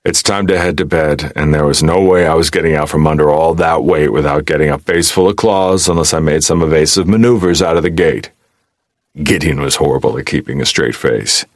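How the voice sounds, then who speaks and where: A man narrating a post-apocalyptic fantasy audiobook in a steady, wry storytelling manner. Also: rumbling low, brisk, no room sound, studio quality. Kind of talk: scripted narration.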